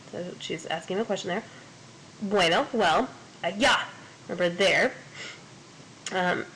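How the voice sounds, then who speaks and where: A woman's voice: mid-range voice, a bit bright, slight background noise, rough recording. Woman teaching a patient Spanish lesson. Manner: patient, explains step by step with many fillers. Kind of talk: recorded classroom lesson.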